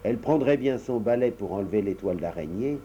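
Male storyteller, children's tale, very warm dark voice, lo-fi sound. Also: on the low side, a little fast, a little hiss or hum. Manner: animated, with sound words. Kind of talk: expressive storybook narration. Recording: dull lo-fi recording.

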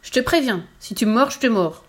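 A woman's voice: mid-range voice, fast talker, lightly acted. A woman voicing a fearless, cheeky little red-haired girl in a storybook reading, talking in a cocky, playful, boastful way. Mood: teasing threat.

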